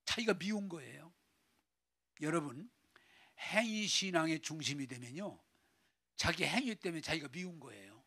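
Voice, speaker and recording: A middle-aged man preaching a sermon as pastor, acting out voices with big swings from shouts to hushed lines. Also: fairly high pitch, expressive, normal speed, pauses often.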